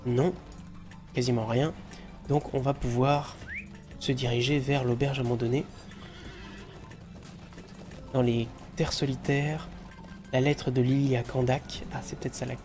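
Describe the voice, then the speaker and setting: A man's voice: medium pitch, level tone, unhurried, long pauses, over music. A man hosting a game video, chatting, joking and thinking aloud as he plays. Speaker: let's play host. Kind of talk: casual gameplay commentary.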